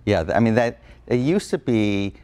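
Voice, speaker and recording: A man's voice: lowish voice, animated, moderate pace, darkish tone, smooth. A man speaking as an attorney guest in an interview, explaining things informally in plain words, repeating for emphasis.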